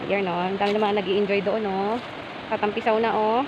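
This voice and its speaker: A woman's voice: mid-range voice, fairly even intonation, highs cut off. A woman vlogging casually while walking outdoors at waterfalls, chatty and exclaiming, laughing often. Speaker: travel vlogger. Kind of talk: casual travel vlog narration. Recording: loud rushing waterfall noise outdoors.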